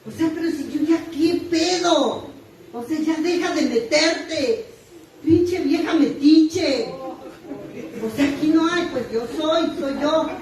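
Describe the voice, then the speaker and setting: A woman's voice: sits high, a little slow, a faint crowd. A middle-aged woman with a Mexican accent giving a blunt, earthy, self-mocking personal testimony at a recovery group meeting. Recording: echoey distant room mic.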